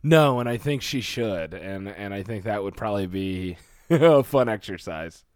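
A man's voice: fairly low pitch, animated, measured pace, a little mellow, no room sound, studio quality. A man co-hosting a podcast in casual chat, laid-back and self-deprecating, often restarting his words. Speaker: podcast co-host.

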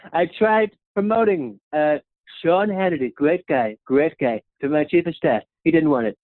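This comedic sketch features a young man in a natural voice imitating a boastful male president who wanders from point to point, praises himself and keeps ending with a downward "okay?". The audio has no echo but a phone-like tinniness.

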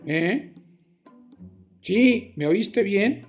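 A man's voice: high-pitched, lively intonation, extremely slow, soft background music. An older man playing a flustered patient in a comic sketch, stammering and repeating himself as he complains about his wife. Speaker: patient with marriage troubles.

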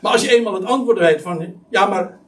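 A man with a high-sitting voice speaks a little fast in an emphatic Bible-teaching sermon. Animated and prone to frequent restarts, he's recorded somewhat far from the mic.

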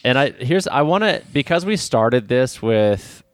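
A man's voice: medium pitch, big pitch swings, measured pace, no echo, clean studio sound. A man co-hosting a comedy podcast, improvising a story loosely with many fillers.

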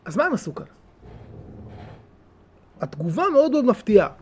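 A man, a rabbi, giving a weekly Torah talk, animated, rising to pleading cries and dropping to soft asides. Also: high-pitched, a little hiss or hum.

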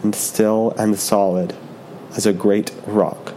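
Wise old mother turtle, serene, slow, low voice, read by a man. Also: level tone, dark tone, slight background noise, poor audio. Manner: slow and measured. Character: wise, calm old female turtle, softly spoken.

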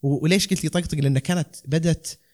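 Very fast-talking Saudi man, rambling casually. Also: fairly high pitch, a little mellow. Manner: rambling, mixes in English terms. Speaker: stand-up comedian, guest. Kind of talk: casual conversational explanation.

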